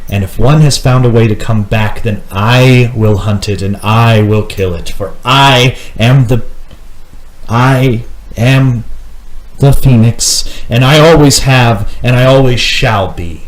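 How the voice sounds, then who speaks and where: A man voicing an ancient, proud and territorial male phoenix who speaks slowly and repeats himself. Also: medium pitch, lightly acted. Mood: menacing. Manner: slow, grand, repeats himself. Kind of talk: tabletop role-play voicing.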